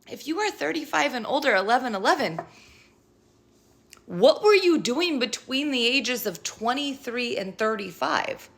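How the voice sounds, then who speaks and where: A woman's voice: fairly high pitch, sing-song, a little slow, creaky, fairly bright tone. A woman reading tarot cards to her viewers in a casual rant, blunt, profane and sarcastic as she scolds them. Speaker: tarot reader.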